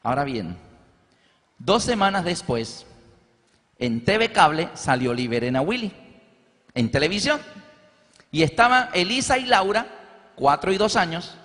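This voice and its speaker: High-voiced preacher in a reverberant hall. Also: male voice. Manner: animated, acts out scenes. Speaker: pastor. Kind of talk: storytelling sermon. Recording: long reverb of a large hall.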